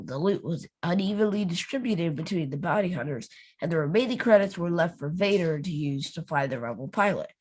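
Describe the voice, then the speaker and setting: Her voice sits on the low side and has a husky quality. As a podcast co-host, she delivers a recap of a story evenly, dropping in playful remarks along the way in a relaxed, chatty format.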